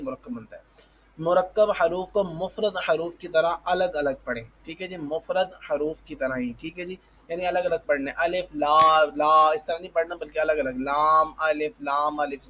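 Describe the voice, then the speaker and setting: A man with a Pakistani Urdu accent, a Quran teacher giving a patient recorded lesson, explaining slowly and repeating each term to check understanding. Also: on the high side, slight background noise, low-quality recording.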